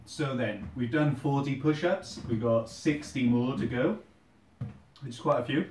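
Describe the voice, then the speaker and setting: A man's voice: mid-range voice, unhurried, darkish tone, slight background noise. A British man hosting a casual workout vlog, chatting informally while he does push-ups. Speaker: host of a fitness challenge video. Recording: roomy echo, distant microphone.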